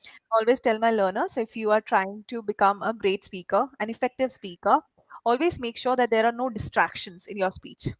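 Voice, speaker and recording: Indian woman english coach, highish voice, encouraging, keeps asking right?, dry sound. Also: fairly even intonation, normal speed, no room sound, low-quality recording. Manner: encouraging, explains with frequent "right?" checks. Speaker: English tutor. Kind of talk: one-on-one spoken English coaching.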